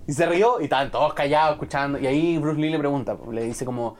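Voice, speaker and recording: A man's voice: a little high, quick pace. A young man with a Chilean accent, casually and animatedly retelling a film scene among friends, full of slang and profanity. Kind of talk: casual chat.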